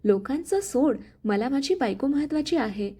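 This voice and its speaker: A woman voicing a kind, protective young husband in a spoken family story, talking calmly and gently. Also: high-pitched, normal speed. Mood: calm tender. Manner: calm, gentle.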